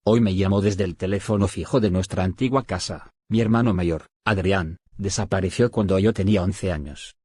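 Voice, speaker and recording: Deep husky man narrating a horror story. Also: moderate pace, few pauses, darkish tone, dry recording, studio quality.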